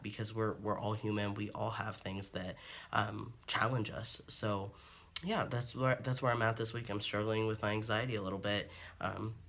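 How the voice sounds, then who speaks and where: A man in his twenties from Ohio, USA, speaks with a fairly low, fairly bright voice. He's a vlogger giving a candid personal monologue to camera, earnest and open, rambling along with plenty of ums and restarts.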